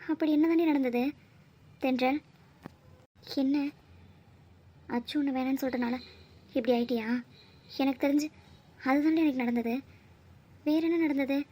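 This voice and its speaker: A woman's voice: high-pitched, warm tone, lightly acted. A woman voicing a worried young college woman who keeps pleading with her best friend to open up. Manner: pleading, insistent, coaxing. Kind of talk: cartoon voice acting.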